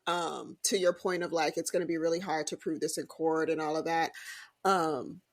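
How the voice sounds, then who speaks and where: Relaxed, conversational woman podcast co-host. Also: low-pitched, moderate pace. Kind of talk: casual chat.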